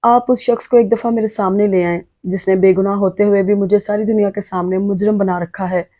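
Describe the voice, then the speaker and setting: A woman's voice: medium pitch, fairly even intonation, brisk, warm tone, no room sound, studio quality, natural voice. A woman voicing a wronged young wife in an audio novel who speaks tearfully and insistently. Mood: pleading.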